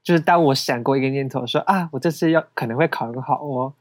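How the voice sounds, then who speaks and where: A young man co-hosting a podcast chats casually in Taiwanese-accented Mandarin, often laughing and mocking himself. He speaks at a quick pace in a mid-range voice, with no echo present.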